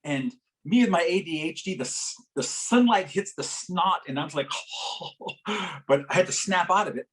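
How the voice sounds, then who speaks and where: A man presenting a workshop, telling a story in a lively, animated way, acting out voices and laughing as he goes. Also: fairly quick, hardly any pauses. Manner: animated, acts out quoted voices with big pitch jumps; laughs as he talks. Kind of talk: storytelling talk to a live audience. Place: conference workshop session.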